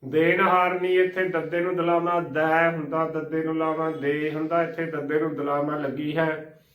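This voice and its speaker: Man, high even voice, steady spell-it-out lesson, set back from the mic in an echoey room. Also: recorded from a distance. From Punjab. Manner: patient, spells letter by letter, repeats each word slowly. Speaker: gurbani pronunciation teacher. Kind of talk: slow spelled-out recitation lesson.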